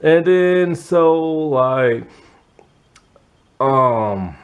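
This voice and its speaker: A man's voice: mid-range voice, animated, drawn-out words, highs cut off. A young man casually recapping a TV episode in a loose, slangy, exasperated way, full of fillers and restarts. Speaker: TV episode reviewer.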